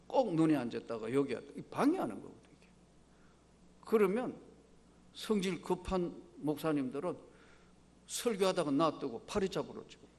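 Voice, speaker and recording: A man's voice: a little high, in a large hall. An older man with a Gyeongsang accent, preaching a sermon as an emeritus pastor, emphatic and asking the congregation rhetorical questions. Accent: Gyeongsang Korean. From Daegu, Gyeongsang province, South Korea.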